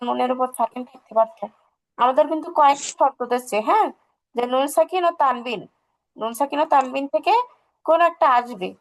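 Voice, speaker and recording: High, gravelly female tajweed teacher. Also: poor audio. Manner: patient, asks questions and answers them herself. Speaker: Quran recitation teacher. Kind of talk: online tajweed lesson.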